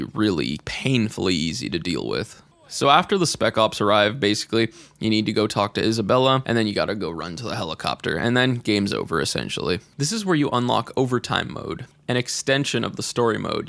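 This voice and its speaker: A man's voice: fairly low pitch, gravelly, a bit bright, no echo. A young man voicing a scripted game review, candid and casually blunt, speaking close to the mic.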